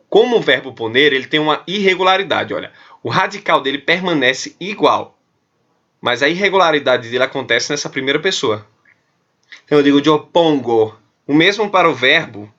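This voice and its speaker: A man's voice: mid-range voice, bright, forceful tone. A male Spanish teacher with a Brazilian Portuguese accent, explaining verb grammar step by step in a recorded online lesson and often checking in with the class. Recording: dull lo-fi audio.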